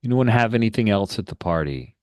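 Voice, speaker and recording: A man's voice: on the low side, expressive, fairly quick, a little mellow, no room sound, studio quality. A man talking casually as game master of a tabletop game.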